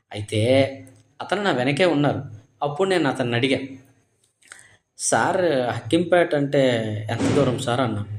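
A man's voice: mid-range voice, roomy sound. A young man, telling his own story casually to viewers as a bike taxi rider, chatty and polite, often speaking to listeners directly.

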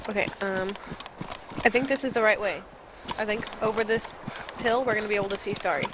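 A woman's voice: medium pitch, brisk. A woman playing an online game, anxiously spotting enemies and calling out directions to a teammate. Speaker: game player. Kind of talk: gameplay voice chat. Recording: voice chat with loud noise.

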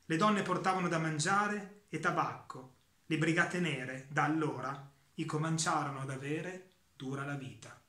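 A man reading a short literary story aloud in a calm, measured way, with slow pauses. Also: a little high, echoey room. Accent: Italian.

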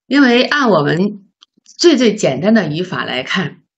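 A middle-aged woman teaches beginners English at a very unhurried pace, drilling each word syllable by syllable. Her voice is husky and sits a little low, and the recording sounds a bit dull. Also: sing-song. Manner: patient, asks learners questions and drills words slowly. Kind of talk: online English lesson.

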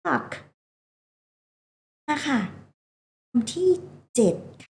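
A woman's voice: drawn-out words, reverberant. A woman teaching a children's phonics lesson, sounding out English words letter by letter and coaxing the children along.

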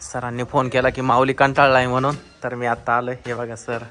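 A man's voice: medium pitch, flat delivery, brisk, a bit bright. A man, casually vlogging as he picks up a child from school, coaxing and scolding with many short repeated questions. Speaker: vlogger, parent picking up a child. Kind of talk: casual spoken vlog. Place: school classroom.

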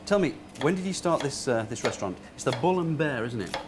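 A man's voice: medium pitch, animated, fast. A man presenting a cooking show on location in a restaurant kitchen, upbeat and chatty, asking leading questions. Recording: noisy kitchen location sound.

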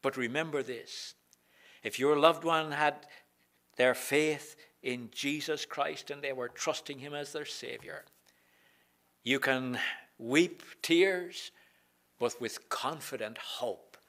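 A man preaching a sermon in a chapel, earnest, repeating key phrases and pausing often. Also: mid-range voice, bright, forceful tone.

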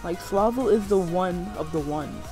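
A man's voice: sits high, unhurried, mellow. A young man doing casual gameplay commentary in a rambling, slangy, self-hyping manner as a video host. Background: music.

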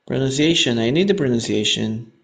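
Live-streaming from an echoey room with faint music in the background, a Peruvian man teaches English, reading aloud and explaining words in Spanish while slowly repeating each pronunciation. His voice is mid-range, animated and creaky.

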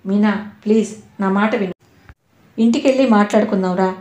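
A lovesick, well-off young man begs and insists in this audio novel, voiced by a woman narrator. His voice is mellow and soft-edged. It sits in a roomy, echoing space. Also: medium pitch, moderate pace, natural voice. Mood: pleading. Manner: pleading and insistent. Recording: roomy echo.

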